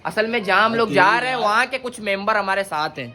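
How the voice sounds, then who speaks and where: A man's voice: high-pitched, a little fast. A young man with a Karachi Urdu accent, hosting a casual vlog outdoors and laughing often as he talks. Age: young adult. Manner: giggly, keeps laughing while talking. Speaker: vlogger. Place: outdoors on busy city streets. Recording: noisy street crowd behind.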